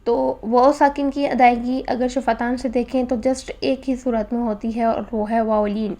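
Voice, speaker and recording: A woman's voice: a little high, fairly even intonation, darkish tone. A woman teaching Quran recitation in a recorded lesson, explaining patiently step by step and mixing in English words.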